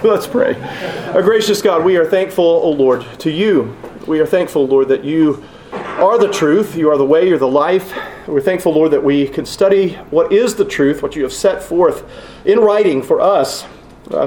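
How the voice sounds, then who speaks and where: A host pastor speaks at a pulpit microphone, opening with a prayer and introducing the guest. His voice runs a little high for a man, earnest and halting, full of small uhs. The sound rings through a roomy church sanctuary over a faint hiss. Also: a little mellow.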